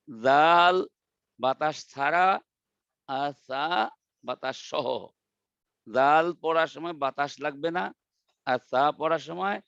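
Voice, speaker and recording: A man teaching Quran pronunciation in an online class, drilling letters slowly and repeating them over and over. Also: a little high, vocal fry, a bit bright, dry recording, muffled recording. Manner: slow, drawn-out letter drills with repetition. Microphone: video call.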